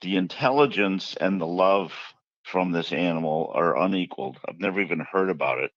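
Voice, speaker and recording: Deep-voiced guy spinning stories in an interview, kinda dull muffled sound. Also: normal speed, no room sound. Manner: chatty anecdotal storyteller who acts out quotes. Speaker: author interviewed about his book. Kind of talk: casual interview storytelling.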